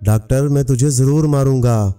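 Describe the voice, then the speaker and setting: Brief: man reading as an angry four-armed monster, dark mellow voice, distant mic. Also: mid-range voice, normal speed, clear, resonant tone, lightly acted. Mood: vengeful. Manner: angry, threatening. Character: vengeful grieving four-armed male monster. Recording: distant mic, faint music.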